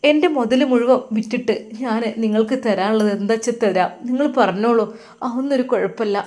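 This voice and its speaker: A woman voicing a grieving old father who pleads for his son, speaking softly and tearfully with a Malappuram Malayalam accent. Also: medium pitch, fairly even intonation, fairly quick, lightly acted. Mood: pleading.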